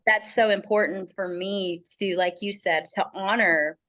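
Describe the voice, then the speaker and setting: A woman's voice: medium pitch, measured pace, a bit bright. A woman guest in a casual podcast chat, talking in an earnest, reflective way with many fillers.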